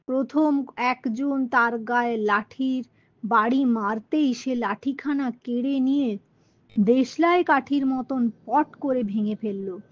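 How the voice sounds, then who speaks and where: A woman reads a children's story aloud at a very slow pace, with a somewhat high voice. She sometimes rereads a line or stops to explain a word. The recording is dry and a little dull. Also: no room sound. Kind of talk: storybook reading.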